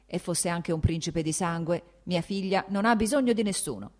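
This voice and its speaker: A woman reading an audiobook, voicing an angry, blustering old prince who shouts and scoffs. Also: mid-range voice, animated, moderate pace, pitched above the performer's own voice, lightly acted. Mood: angry shouting. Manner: shouting, scornful, mocking.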